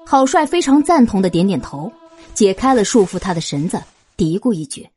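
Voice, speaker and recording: Expressive, mellow woman narrator. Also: mid-range voice, normal speed, slightly rough, soft background music. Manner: expressive storytelling. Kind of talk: scripted narration of a suspense audio drama.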